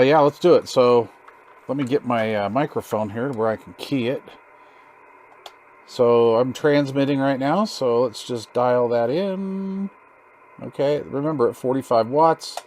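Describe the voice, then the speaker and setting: A man with a medium-pitched, slightly mellow voice hosts a hands-on video about building a DIY radio. He chats casually and rambles in a folksy way, dropping informal slang as he goes.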